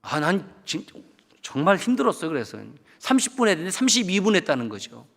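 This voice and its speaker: A man, a guest pastor, preaching a storytelling sermon about his own experiences and acting out the dialogue, jumping between loud bursts and quiet asides. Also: fairly quick. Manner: animated, acts out dialogue and swings between loud outbursts and low asides. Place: church sanctuary. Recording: long church hall reverb.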